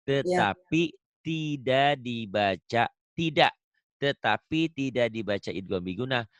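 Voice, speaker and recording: A Quran recitation teacher gives a one-on-one tajwid lesson, patiently questioning and quizzing his student while explaining the rules step by step and repeating his points over and over. His mid-range voice is expressive and measured, with no room sound.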